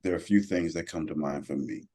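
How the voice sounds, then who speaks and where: A man in his forties on a podcast, speaking in an earnest, reflective, measured way. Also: extremely low pitch, mellow, husky. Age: 40s. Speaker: podcast co-host.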